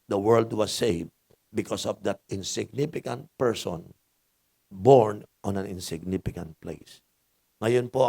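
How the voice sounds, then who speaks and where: A man's voice: on the low side, creaky, darkish tone, dry recording, studio quality. A middle-aged man from the Philippines with a Filipino accent, preaching a sermon. He mixes in English, asks the congregation for answers and jokes with them. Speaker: pastor. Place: church hall.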